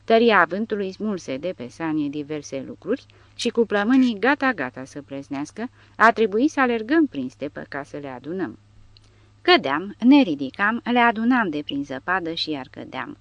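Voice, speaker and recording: Low-voiced woman reading an audiobook. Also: expressive, dry recording. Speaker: audiobook narrator. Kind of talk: scripted narration. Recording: dry, dull lo-fi recording.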